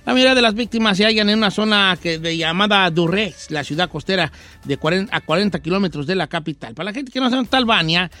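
A man's voice: sits high, quick pace, bright, forceful tone. A man hosting a comic news show, reading stories and teasing his co-hosts.

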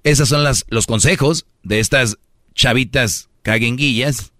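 A man's voice: medium pitch, a little slow, sharp tone, no room sound, studio quality. A man hosting a casual radio show, teasing his co-host and giving dating advice at length. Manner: talkative, teasing, acts out voices of young women.

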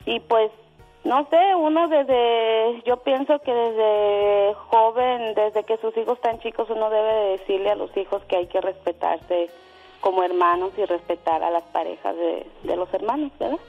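A woman's voice: mid-range voice, measured pace, soft background music. A woman calling in to a radio show, speaking earnestly and plainly. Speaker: caller. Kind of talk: phone-in radio call. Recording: dull phone-in line.

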